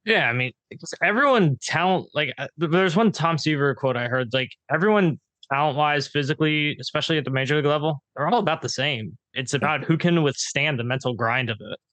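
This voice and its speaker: A young man hosting a podcast, asking relaxed questions and giving short replies while he listens. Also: fairly high pitch, brisk, dry recording. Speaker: podcast host. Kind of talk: casual interview.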